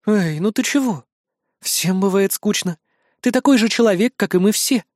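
A man reading an audiobook voices a calm, bookish young woman who speaks gently and teasingly. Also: high voice, moderate pace, dry recording, natural voice. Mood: reassuring.

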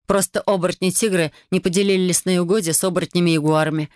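A woman reading a first-person fantasy audiobook, expressive and flustered in the heroine's lines. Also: on the low side, fast talker, no echo, clean studio sound. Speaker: audiobook narrator.

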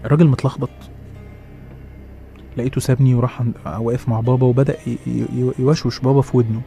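A man with an Egyptian accent narrating a horror story in a hushed way, restarting his phrases. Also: mid-range voice, little pitch movement, fast, vocal fry, faint music behind. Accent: Egyptian Arabic.

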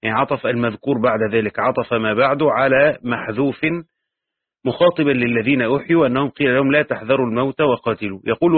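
Male teacher, husky voice, reading and explaining commentary with pauses and self-corrections; tinny phone-like recording. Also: medium pitch, no echo.

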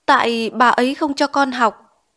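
A woman's voice: fairly high pitch, fairly even intonation, measured pace, fairly bright tone, voice pushed up. A woman voicing a poor, timid schoolboy in an audiobook, answering meekly and politely. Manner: meek, polite address. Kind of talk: audiobook character reading.

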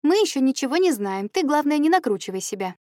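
A woman's voice: high voice, very animated, quick pace, dark tone, dry recording, studio quality, voice pushed up. A woman voicing a caring young female friend who soothes and reassures, in a memoir reading. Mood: reassuring.

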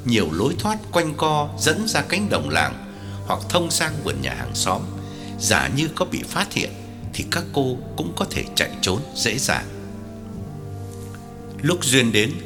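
Man narrating a story, very animated. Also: medium pitch, in a large hall. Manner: very lively, wide-ranging delivery. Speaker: audiobook narrator. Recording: soft music underneath.

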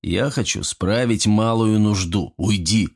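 Man as a gruff stern prince. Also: lowish voice, a little slow, a little mellow. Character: stern young male prince, blunt and gruff.

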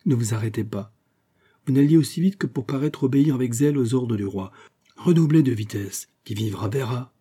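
A man's voice: mid-range voice, a little fast, warm tone, slightly rough, close to an everyday voice. A man reading a classic novel aloud, voicing a loyal, anxious adviser who speaks in an urgent, pleading way.

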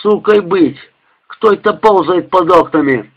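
A man voicing a coarse young soldier in a barracks who grumbles in a creaky mutter. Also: sits high, a little slow, lo-fi sound, pitched above the performer's own voice. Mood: grumbling.

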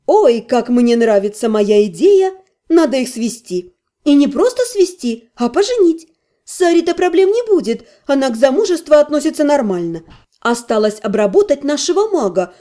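A woman giving an expressive, animated first-person audiobook reading. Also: high-pitched. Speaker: audiobook narrator.

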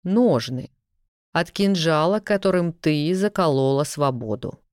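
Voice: medium pitch, animated, a little slow, smooth, no room sound, clean studio sound, natural voice. A reader voicing a stern nobleman who questions and gives orders coldly. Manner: cold, commanding, interrogating. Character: stern commanding nobleman, a baron.

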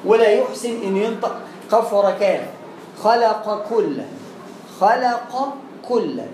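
A man with an Egyptian Arabic accent teaches Quran recitation at a measured pace, his high, expressive voice a little mellow. The lesson is chatty and explanatory, with repeated words and sounded-out letters. A roomy echo and faint background noise color the recording.

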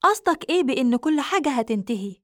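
Manal, a sharp, threatening woman, read by the narrator. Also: sits high, expressive, fast talker, no echo, clean studio sound. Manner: sharp, demanding.

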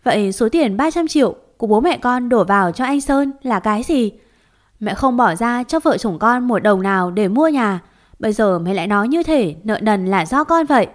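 A woman's voice: a little high, animated, normal speed, close to an everyday voice. A woman reading an audio story, voicing a proud young wife who answers back with indignation. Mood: defiant. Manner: defiant and indignant.

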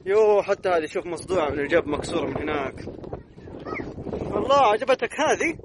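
A man with a Gulf Arabic accent coaxing small children in a playful, animated way at an outdoor playground. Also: high-pitched, quick pace, noisy background. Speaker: vlogger. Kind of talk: casual talk to small children.

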